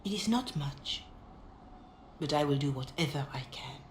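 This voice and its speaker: An actress playing a calm, compassionate middle-aged holy mother in a fantasy video game, speaking in a measured, gentle, solemn way. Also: low voice. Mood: solemn, hopeful. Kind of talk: dramatic video game dialogue. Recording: roomy echo, background ambience noise.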